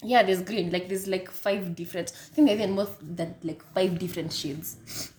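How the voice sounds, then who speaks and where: A woman's voice: fairly low pitch, steady tone, moderate pace, darkish tone, slight background noise. A woman, co-hosting a podcast in playful, teasing casual chat. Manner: playful, teasing, laughs often. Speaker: podcast co-host.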